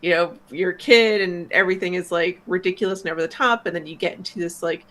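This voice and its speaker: Casting: woman, lowish voice, reflective film reactor, hesitant with fillers. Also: fast talker, fairly bright tone. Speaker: movie reaction co-host. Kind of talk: casual chat.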